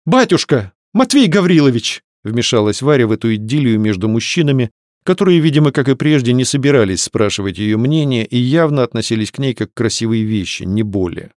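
A man narrating a literary novel in an expressive reading style. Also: medium pitch, quick pace, no room sound, studio quality. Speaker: audiobook narrator. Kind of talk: scripted narration.

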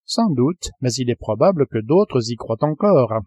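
A man's voice: medium pitch, sing-song, a little slow, dark tone, husky, no echo. A man doing a serious, pedantic manservant. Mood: earnest. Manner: serious, unflappable. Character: earnest, pedantic male manservant.

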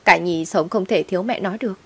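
A woman's voice: lowish voice, quick pace, fairly bright tone, slightly rough. A woman voicing a young ex-wife who pleads and whines. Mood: pleading. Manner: pleading, tearful.

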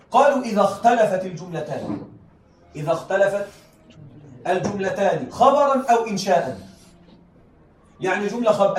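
Male teacher for a classroom lesson: quick, fairly high voice, always checking that students keep up and repeating key phrases. Recorded from across an echoey room. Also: a little mellow. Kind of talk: classroom lesson on Arabic rhetoric. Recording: echoey room, heard from a distance, faint noise.

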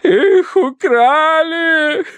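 A man voicing a hysterical, fussy older Victorian lady with a high, wailing voice in an audiobook. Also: big pitch swings, takes it slowly, dry recording. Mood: wailing, melodramatic.

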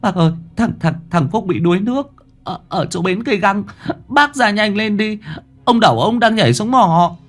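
A man's voice: lively intonation, normal speed. A man voicing a frightened village boy who stammers and calls out in panic. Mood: panicked. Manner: stammering, shrill calling.

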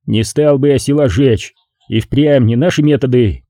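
A man voicing a gruff middle-aged male partisan commander who grumbles and gives orders in an audiobook. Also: medium pitch, normal speed, warm tone, no echo, studio quality, natural voice. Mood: gruff commanding.

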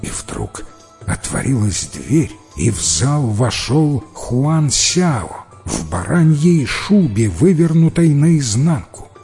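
A man narrating a fairy tale in a measured, expressive storytelling manner. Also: medium pitch, faint music behind.

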